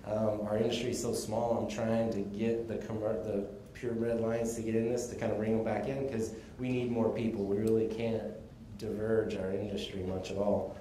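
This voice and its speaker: Mellow low-voiced man presenting. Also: moderate pace, a little hiss or hum. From Texas. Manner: casual, relaxed explaining with chuckles. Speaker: conference speaker on sheep breeding. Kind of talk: conference presentation. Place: conference room. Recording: echoey conference room, faint ambience.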